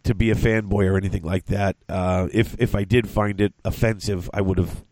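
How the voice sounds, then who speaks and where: A man hosting a podcast with a cold, congested and talking in halting, rambling chat. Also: low voice, steady tone, darkish tone, no room sound. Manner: rambling, halting, many restarts. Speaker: podcast host.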